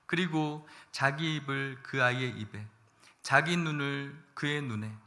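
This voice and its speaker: A man's voice: medium pitch, a little slow, sharp tone. A man preaching a church sermon, reading scripture and then speaking with rising emotion. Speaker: pastor.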